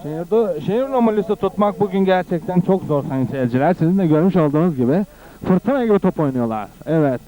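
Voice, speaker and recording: A man commentates live on an amateur football match in a fairly high voice. He gets excited as he calls the play, exclaiming goals and repeating short phrases again and again. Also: fast talker, poor audio.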